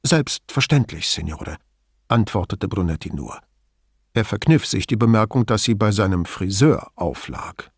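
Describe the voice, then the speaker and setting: A man's voice: on the low side, moderate pace, slightly rough, no room sound, clean studio sound. A man reading a crime novel aloud as an audiobook narrator, storytelling expressively.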